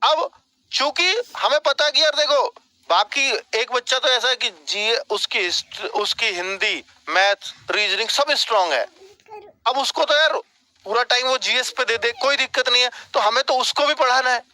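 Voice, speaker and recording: A man's voice: extremely high pitch, normal speed, pushed and bright, low-quality recording. A man teaching as an exam coaching instructor, giving direct, scolding study advice and often checking "ठीक है?" with his students. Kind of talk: motivational advice lecture.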